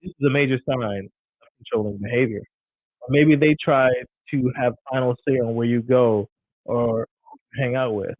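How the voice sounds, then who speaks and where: A man's voice: medium pitch, moderate pace, dry recording. Playful man co-host, phone-like sound. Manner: playful, upbeat when promoting the channel. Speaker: podcast co-host. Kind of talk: casual live podcast chat. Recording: tinny phone-like dry sound.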